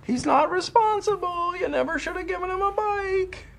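A nagging, disapproving wife, mocked by a man in a sitcom. The voice jumps into a shrill, exaggerated falsetto well above his own. It sounds scolding and overdone on purpose. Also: normal speed, gravelly. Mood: mocking. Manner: exaggerated high mocking falsetto.

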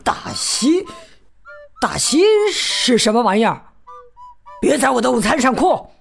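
Brief: female reader doing a gruff, loud bully elephant, storybook, slow and bouncy delivery. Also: fairly high pitch, lively intonation, slight background noise. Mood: rude. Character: rude hungry male elephant, blustering bully.

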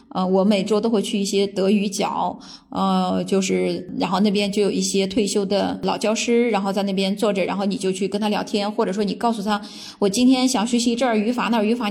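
A woman from China talks to her viewers in an easygoing, meandering monologue. Her pitch is ordinary for a woman, and she often stops to gather her thoughts before going on. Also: vocal fry. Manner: relaxed and rambling, with frequent thinking pauses. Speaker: vlogger. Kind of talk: casual storytelling monologue.

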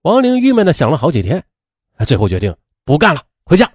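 Give me a man narrating a true-crime story in a chatty, animated, dry-sounding voice. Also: fairly high pitch, quick pace, husky, no room sound. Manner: chatty retelling with frequent fillers.

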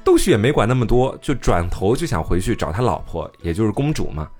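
A man's voice: on the low side, quick pace. A man retelling an old folk tale in a casual, chatty way, adding his own remarks. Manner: lively, chatty, comments with laughter. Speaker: storyteller host. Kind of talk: casual storytelling.

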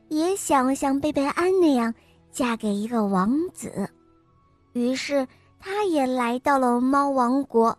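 A woman host reading a fairy tale for children in a gentle, clear, unhurried way. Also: high voice, dry recording. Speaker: storyteller host.

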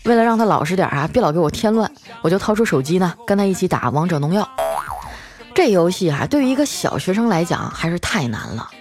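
A woman's voice: fairly low pitch, sing-song. A woman host, telling funny everyday stories in a chatty way, drawing out the particles at the ends of phrases. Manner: chatty, drawn-out sentence-final particles. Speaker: streaming host. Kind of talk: comic storytelling monologue. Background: background music.

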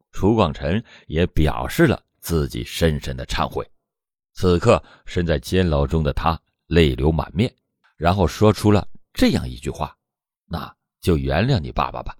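A low-voiced man narrating a true crime case from a script. His pitch swings widely, springing up at the start of phrases and sinking at their ends. The close studio mic gives a dry sound with no room in it. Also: darkish tone, no room sound. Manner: dramatic, swooping emphasis on phrase openings. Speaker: true crime storyteller, show host.

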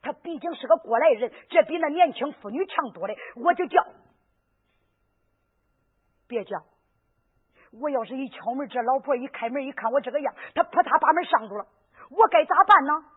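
A woman's voice: high voice, expressive, moderate pace, pauses often. A woman telling a traditional folk story, who often asks rhetorical questions and answers them herself. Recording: narrow lo-fi radio recording.

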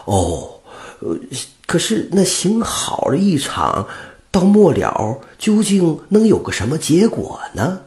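A man's voice: fairly high pitch, wildly swooping pitch, takes it slowly, darkish tone, voice pushed up, heavily acted. A man voicing a kind-hearted young butcher who talks earnestly and stammers a little. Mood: curious.

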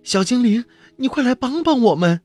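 A man doing a flustered monster teacher, high and pleading. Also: lively intonation, moderate pace, a little mellow, soft background music. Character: flustered male monster schoolteacher.

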